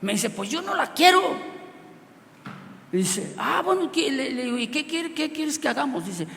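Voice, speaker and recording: Gravelly Mexican preacher in echoing hall. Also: male voice, extremely high pitch, unhurried. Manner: animated, swings from loud outbursts to quiet asides, laughs often. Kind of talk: storytelling sermon. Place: church hall with long reverb. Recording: reverberant hall, faint background noise.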